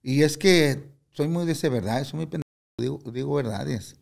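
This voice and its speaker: A man's voice: on the high side, normal speed, vocal fry, darkish tone. An older man, a guest in an interview, telling stories bluntly and candidly, swearing freely and acting out what others said. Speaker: guest musician. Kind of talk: casual interview storytelling.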